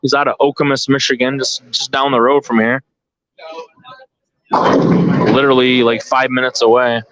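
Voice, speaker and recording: Following the play, this man thinks aloud in casual, off-the-cuff live commentary as a bowling tournament commentator and organizer. He has a mid-range, slightly bright voice with flat delivery at a normal speed. The audio is dull, lo-fi live stream sound.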